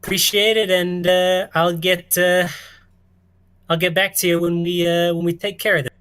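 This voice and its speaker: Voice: mid-range voice, flat delivery, normal speed, a bit bright, clear, resonant tone, natural voice. A player voicing a cocky spacefaring woman. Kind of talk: tabletop role-play dialogue.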